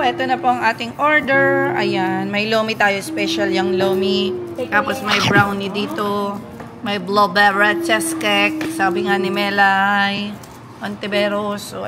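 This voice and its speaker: A woman from the Philippines giving a chatty, gushing walking tour of a cafe garden on her handheld phone, switching between Tagalog and English. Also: medium pitch. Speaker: travel vlogger. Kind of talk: casual walking tour vlog. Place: cafe garden during heavy rain.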